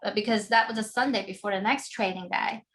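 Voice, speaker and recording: A woman law professor giving a book talk with slides, explaining in a measured way and often checking in with "right?". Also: mid-range voice, a bit bright. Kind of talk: academic lecture with slides.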